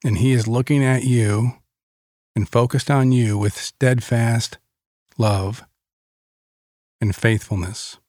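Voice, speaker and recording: Slow, calm man guiding a meditation. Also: mid-range voice, dry recording, clean studio sound. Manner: slow, calm, deliberate with long pauses. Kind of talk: guided meditation with Bible teaching.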